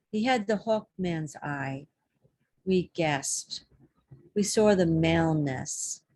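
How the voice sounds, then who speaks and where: A woman giving a poetry reading at a public library, reciting in a measured, deliberate way. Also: lowish voice, darkish tone, slightly rough, no echo. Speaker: poetry reader.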